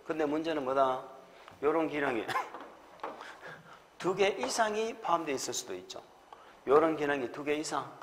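A man's voice: on the high side, expressive, measured pace, long pauses, in a large hall, background noise. A man with a Gyeongsang accent giving an exam-prep lecture, drilling mnemonics and chuckling often.

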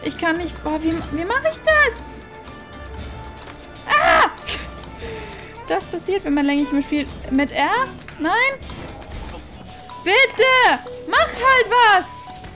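A woman giving casual gameplay commentary on a headset, excitable and swearing at the game. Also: very high voice, slow pace, pauses often, over loud music. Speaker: let's play gamer.

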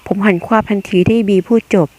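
A woman's voice: quick pace, a little mellow. A woman reading a romance web novel aloud, narrating in a blunt, slangy first-person voice. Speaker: audiobook reader.

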